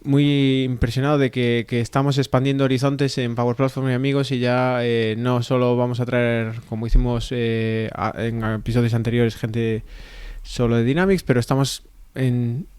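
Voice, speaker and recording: A man's voice: medium pitch, flat delivery, moderate pace, a little mellow, clean tone, no room sound. A man co-hosting a chat show, talking in an upbeat, rambling way over a video call. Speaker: co-host. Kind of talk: casual interview chat.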